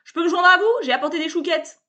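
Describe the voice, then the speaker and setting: A woman voicing a brash, over-familiar male salesman who makes a loud, gushing pitch in a storybook reading. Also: fast, muffled recording. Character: brash pushy male salesman, fast-talking schemer.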